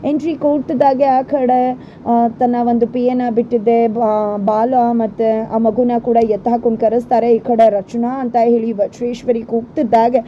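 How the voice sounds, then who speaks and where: A woman narrating a TV serial recap in a brisk storytelling manner and speaking to her viewers, on a dull lo-fi recording. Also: a little high, flat delivery, a little hiss or hum.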